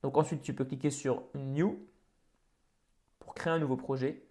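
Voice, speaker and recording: A man hosting a software tutorial, talking casually over a screen recording with many fillers and restarts. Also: mid-range voice, fairly even intonation, moderate pace. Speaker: tutorial host.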